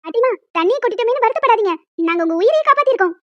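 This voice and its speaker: Cheeky hostel schoolgirls, all done by one woman, chatter and tease each other in a cartoon. The voices are very high and quick. The sound is dry and close. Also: animated, no echo, muffled recording. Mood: explaining. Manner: chatty, teasing.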